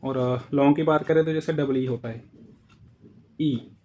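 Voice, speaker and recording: A man's voice: medium pitch, fairly even intonation, a little slow, dark tone, highs cut off, slight background noise. A man with an Indian accent teaching a casual lesson, patiently explaining and repeating the example words. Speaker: German language teacher.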